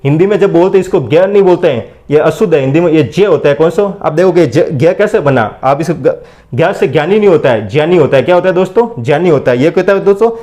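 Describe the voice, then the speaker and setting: A man's voice: fairly high pitch, lively intonation, quick pace, dark tone. A man teaching an exam-prep lesson, repeating each question and answer in call-and-response drills and keeps calling his listeners friends. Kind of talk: blackboard lesson for exam preparation.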